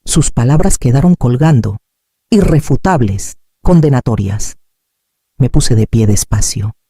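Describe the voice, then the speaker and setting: A man narrating a dramatic story in a slow, solemn, expressive way. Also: medium pitch, husky, no room sound, clean studio sound.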